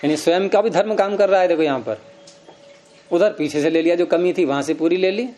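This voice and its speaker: A man's voice: a little high, fairly quick, a little mellow, slight background noise. A man teaching Sanskrit grammar, explaining step by step and quizzing his students with questions. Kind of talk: classroom lecture.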